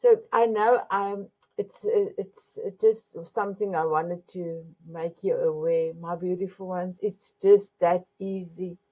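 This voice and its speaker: A woman speaks slowly and deliberately as a talk show host, offering motivational encouragement. She repeats endearments and sometimes searches for an English word. Her voice comes through a narrow, phone-like line. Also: fairly low pitch, fairly even intonation. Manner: warm, repetitive terms of endearment, searching for English words. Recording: phone-line quality audio.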